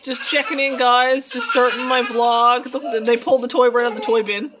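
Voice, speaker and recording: A woman's voice: on the high side, level tone, normal speed, noisy background. Woman cooing baby talk at her pets. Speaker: vlogger and pet owner. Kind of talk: casual home vlog talk to camera and pets. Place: home, indoors.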